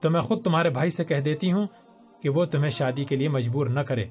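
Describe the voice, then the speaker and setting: A man's voice: on the high side, darkish tone, soft background music, close to an everyday voice. A man voicing a playful, affectionate young woman who teases her friend like an older sister. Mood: teasing. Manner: playful, teasing.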